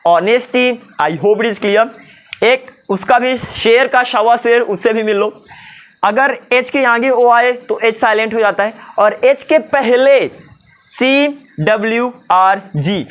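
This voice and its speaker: Lively high-pitched man teaching. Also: dull audio. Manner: lively, asks and answers his own questions, voices imagined students. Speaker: English pronunciation teacher. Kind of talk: Hindi-English mixed video lesson.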